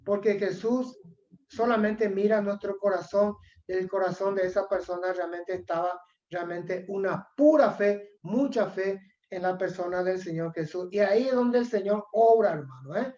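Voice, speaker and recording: A woman with a Paraguayan accent preaching a sermon. She speaks earnestly, keeps calling her listeners brother, and often clears her throat. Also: medium pitch, moderate pace, warm tone. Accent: Paraguayan Spanish. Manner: earnest, repeatedly addresses listeners as "hermano", frequent throat clearing. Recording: dull lo-fi recording.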